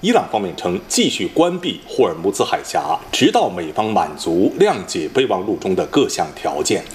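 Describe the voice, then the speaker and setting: A man's voice: deep voice, sing-song, a little hiss or hum. Formal male Mandarin news anchor, widely varied intonation. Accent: standard mainland Mandarin. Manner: formal, measured, precise enunciation. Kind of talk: formal scripted news reading. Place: television news studio.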